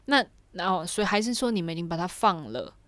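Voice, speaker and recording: A young woman casually telling a personal story, animated and chatty with lots of fillers. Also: on the low side, fast talker, dry recording. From Taiwan.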